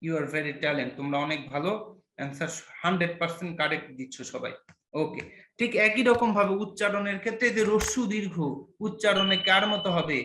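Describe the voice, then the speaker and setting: A man's voice: sits high, a little fast, sharp tone, reverberant, slight background noise. A young man from Bangladesh, teaching an online class. He quizzes his students and praises their answers with playful teasing.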